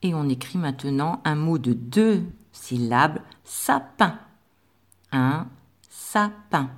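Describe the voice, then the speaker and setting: A woman teacher giving a slow, patient dictation lesson to young pupils, spelling out sounds with careful articulation. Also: deep voice, lively intonation. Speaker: primary school teacher.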